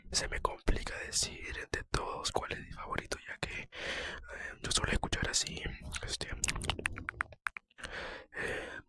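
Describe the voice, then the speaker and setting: A man whispers casually in an ASMR style, close to the microphone. The whisper is very bright and sibilant, with hardly any voiced tone. He talks in a personal, slightly hesitant way, pausing softly as he thinks. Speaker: ASMR creator answering viewer questions.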